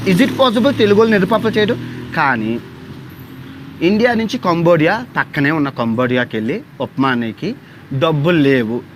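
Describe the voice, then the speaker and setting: A young man with a Telugu accent talks very fast in a sarcastic, theatrical, pleading rant into a phone, his voice sitting a little high. A faint ambient hiss runs under him. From India. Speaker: travel vlogger on a livestream. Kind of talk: mocking livestream rant.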